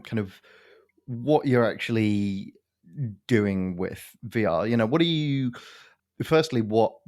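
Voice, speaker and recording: A man with a fairly low voice hosts an interview podcast. He speaks conversationally, building questions piece by piece and rewording them along the way. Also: darkish tone, clear, resonant tone. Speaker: podcast host.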